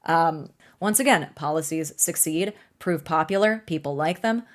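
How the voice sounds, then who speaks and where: Young woman vlogging, kinda low voice, chatty, sarcastic asides. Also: normal speed. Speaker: climate video creator. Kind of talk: casual explanatory vlog talk.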